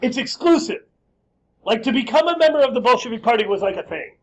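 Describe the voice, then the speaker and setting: A male high school history teacher lecturing his class in a lively, joking way and quizzing students. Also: quick pace, rough recording.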